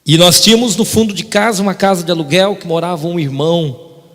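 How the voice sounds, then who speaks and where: Male preacher, emphatic and direct with the congregation; slightly high voice, booming church hall. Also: fairly quick. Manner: emphatic, repeatedly addressing the congregation. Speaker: pastor. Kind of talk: sermon testimony. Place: church sanctuary.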